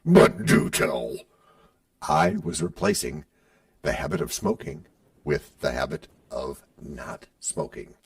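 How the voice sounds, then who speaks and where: A middle-aged male podcast host trades playful scripted banter with himself. His voice is deeply gravelly and husky, and his pitch swings widely. The mic sits some way off. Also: huge pitch swings, slow pace, distant mic. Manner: playful, switching between his own voice and a sidekick.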